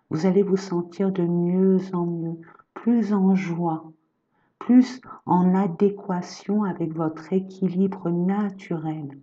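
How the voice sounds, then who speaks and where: A woman's voice: fairly low pitch, dark tone, muffled recording. A woman giving a spiritual horoscope reading, speaking in a soothing, reassuring and affectionate way to her viewers, whom she calls her friends. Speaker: energy therapist and medium giving horoscope readings.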